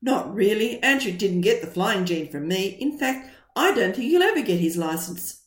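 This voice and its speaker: A woman's voice: medium pitch, very animated, moderate pace, roomy sound, natural voice. A woman doing a blunt, dismissive father.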